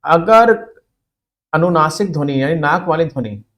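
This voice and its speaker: Slow, patient male teacher. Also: on the high side, expressive, a bit bright. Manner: slow, explaining step by step, repeats words for emphasis. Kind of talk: spelling and grammar lesson for exam students.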